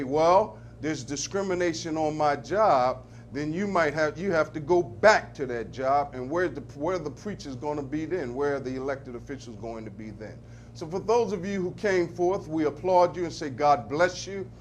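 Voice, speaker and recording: Emphatic preacher-style man, faint hum. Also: on the high side. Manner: emphatic, rising to sudden loud peaks; call-and-response cadence, quoting the streets. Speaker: community commentator and preacher. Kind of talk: preacher-style commentary on local affairs.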